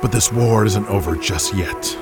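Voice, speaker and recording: Deep cold villainous wrestling boss, contemptuous, as a man puts him on. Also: measured pace, loud music behind the voice. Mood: gloating. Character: ruthless gloating male wrestling promoter villain.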